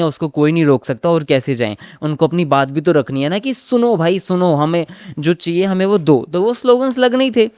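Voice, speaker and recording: A man's voice: on the high side, darkish tone, smooth, dry recording, clean studio sound. Heated young man vlogging to camera. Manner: heated, addresses viewers directly, calls them bhai. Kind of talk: impassioned commentary on a protest.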